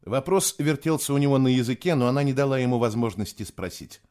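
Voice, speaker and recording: A man reading a novel aloud in expressive, scripted narration. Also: mid-range voice, fast talker. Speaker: audiobook narrator.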